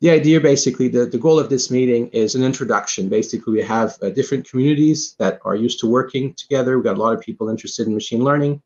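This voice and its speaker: A man hosting an online meeting, speaking in a relaxed way with many fillers. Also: mid-range voice, fast talker, hardly any pauses, highs cut off. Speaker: meeting host. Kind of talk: casual video call chat.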